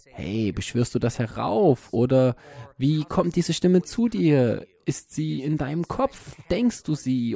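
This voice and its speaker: A man's voice: a little high, gravelly, warm tone. A man earnestly recounting, in a matter-of-fact way, how he hears and sees a spirit that tells him things. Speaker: medium. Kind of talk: personal storytelling talk.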